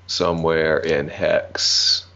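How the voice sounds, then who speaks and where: A man playing a tabletop roleplaying game, speaking casually in character with a dry, deadpan manner. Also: a bass voice, extremely slow, creaky. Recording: slightly muffled recording.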